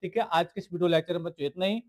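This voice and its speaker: A man's voice: high-pitched, fairly even intonation, rapid-fire. A man teaching school science in a video lecture, asking his students questions and answering them himself, repeating each key word. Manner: writes on the screen while explaining.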